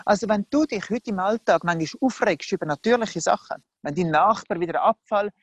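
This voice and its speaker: A preacher giving a sermon in a lively, conversational way, often acting out the people in the story. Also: medium pitch, fairly quick, no echo. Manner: lively, conversational, acts out the characters.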